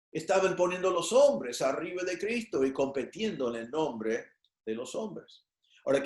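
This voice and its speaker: A male pastor preaching a sermon in an animated way, acting out the voices of the people he quotes. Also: fairly high pitch, echoey room. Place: church.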